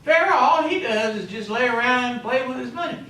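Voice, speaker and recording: Emphatic pastor in an echoey church. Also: male voice, very high voice, expressive, fairly quick. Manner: swings between loud emphatic calls and quiet asides; peppers speech with "you know" and "amen". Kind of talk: preaching a sermon. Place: church sanctuary. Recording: echoey church, mic at a distance.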